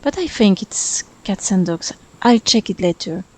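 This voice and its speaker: A Sims speedbuild YouTuber, a native French speaker in her thirties, chats through a game build in voice-over with a French accent. Her mid-range voice has lively intonation and an unhurried pace, and she's talkative and self-deprecating.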